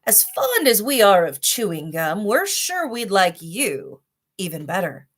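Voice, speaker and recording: A hungry, menacing tiger from a children's storybook, acted out by a woman reader. It taunts its prey and speaks deliberately, relishing the threat. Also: mid-range voice, wildly swooping pitch, fairly bright tone, exaggerated voice. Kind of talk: storybook read-aloud.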